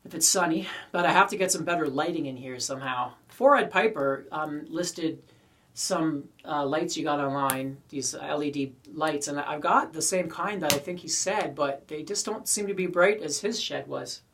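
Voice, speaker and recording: A man's voice: a little high, normal speed, sharp tone. A man with a Canadian accent rambles casually to his viewers while smoking a pipe, recorded in a small shed. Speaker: pipe-smoking video creator. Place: small wooden garden shed. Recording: distant mic, poor shed acoustics.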